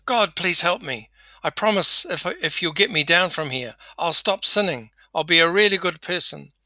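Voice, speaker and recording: A man voicing a panicked man clinging to a cliff branch, yelling and pleading for help. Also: on the high side, expressive, extremely slow, no room sound, pitched above the performer's own voice, heavily acted. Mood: desperate pleading.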